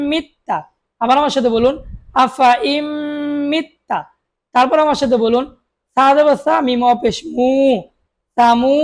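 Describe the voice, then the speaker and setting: A woman teaching Quran reading, spelling out Arabic syllables one by one and asking listeners to repeat after her, with short explanations of the rules. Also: high-pitched. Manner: slow, drawn-out recitation of each syllable, with short explanations of rules.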